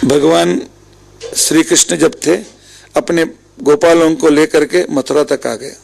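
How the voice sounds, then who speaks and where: A man's voice: on the high side, gravelly, darkish tone, rough recording. A man with an Indian accent giving a devotional discourse, retelling scripture stories with quoted dialogue. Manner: storytelling with quoted dialogue, unhurried. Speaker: religious storyteller.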